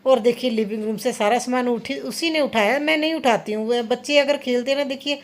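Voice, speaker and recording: A woman's voice: on the high side, a little fast. A woman in her thirties chatting casually to viewers in a home vlog, talking her way through kitchen chores. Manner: chatty, addresses viewers directly. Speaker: vlogger mother.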